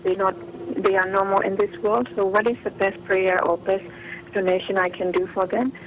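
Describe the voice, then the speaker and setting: A woman's voice: medium pitch, level tone, moderate pace, slight background noise. Polite woman calling in by phone. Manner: polite, hesitant. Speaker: caller. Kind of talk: phone-in question. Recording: caller on a phone line.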